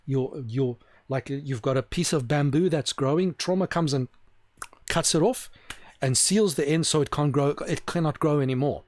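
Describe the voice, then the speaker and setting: A man's voice: a little high, no echo. A man giving an opinionated monologue to camera, rambling with restarts and asking rhetorical questions. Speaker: video host. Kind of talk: opinionated talking-head monologue.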